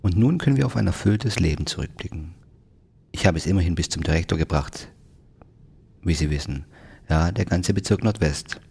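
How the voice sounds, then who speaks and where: A man with a gravelly, husky voice voicing a jovial older grandfather who chuckles and is eager to please. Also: sits low, lively intonation, moderate pace, darkish tone, heavily acted.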